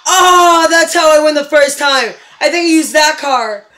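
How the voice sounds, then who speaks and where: A woman playing a racing game, commentating with swearing and frustrated yelling. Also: high voice, unhurried, soft background music. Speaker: gamer. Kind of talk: gaming commentary.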